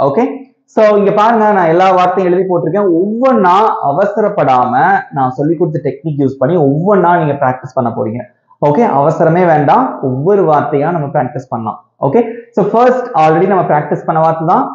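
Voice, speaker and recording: A man's voice: a little high, lively intonation, a little fast, darkish tone. A man teaching English pronunciation, drilling sounds over and over and checking in with "okay?" and "right?" after each step. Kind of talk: classroom-style pronunciation lesson. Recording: echoey room, dull lo-fi sound.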